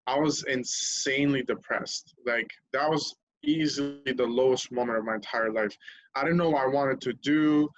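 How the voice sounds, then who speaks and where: A man's voice: medium pitch, moderate pace, no echo, rough recording. Candid young man telling his story. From Lebanon. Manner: candid, swears freely, laughs at himself. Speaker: podcast guest. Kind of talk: casual storytelling interview.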